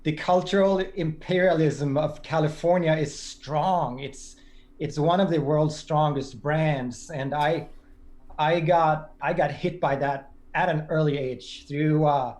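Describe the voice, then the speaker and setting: A man's voice: a little high, fairly even intonation, takes it slowly, darkish tone. A man in his forties from Sweden, a podcast guest talking casually and thoughtfully, with many restarts and fillers. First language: Swedish. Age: 40s. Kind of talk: casual conversation.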